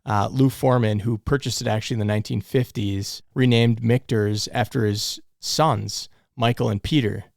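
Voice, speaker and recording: A man's voice: mid-range voice, fairly even intonation, normal speed, vocal fry, hardly any pauses, no room sound, clean studio sound. A man co-hosting, chatting casually and often asking "right?". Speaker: co-host. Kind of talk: casual chat.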